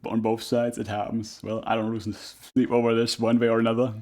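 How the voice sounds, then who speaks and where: A man's voice: medium pitch, completely flat delivery, brisk, darkish tone. A man giving casual live reaction commentary as a streamer, rambling in a laid-back, unbothered way.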